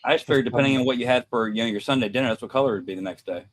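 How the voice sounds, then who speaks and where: A man's voice: medium pitch, racing. A man from Ohio in casual chat, teasing the others and laughing often, talking over a remote call. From Ohio, United States. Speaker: podcast co-host. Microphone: remote call setup.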